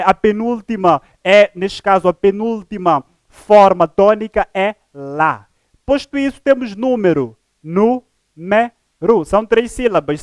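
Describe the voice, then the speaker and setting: A man teaching a live grammar lesson, slow and deliberate, spelling words out syllable by syllable in a formal tone. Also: high-pitched, dry recording, clean studio sound. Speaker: teacher presenting a live program.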